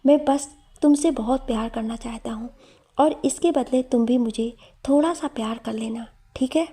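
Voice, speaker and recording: A woman voicing a lovestruck, playful young male professor in a read-aloud story, with a warm, breathy voice. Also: fairly high pitch, normal speed. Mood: teasing. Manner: teasing, pleading. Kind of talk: storytelling narration.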